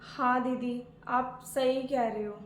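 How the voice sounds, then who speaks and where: A dutiful young daughter-in-law who speaks softly and politely, as a woman acts her out. Her voice is high and gentle, and the skit is recorded in an echoey room. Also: steady tone, takes it slowly, a little hiss or hum. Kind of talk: family skit acting.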